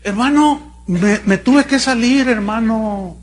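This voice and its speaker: A man voicing an excitable woman churchgoer, pleading and breathless as she confesses. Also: fairly high pitch, takes it slowly. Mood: upset.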